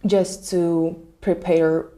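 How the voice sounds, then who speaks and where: A woman's voice: on the low side, level tone, drawn-out words, mellow. A young woman from Russia, an international student telling her story in a casual podcast interview, earnest and with small slips in her English. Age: young adult.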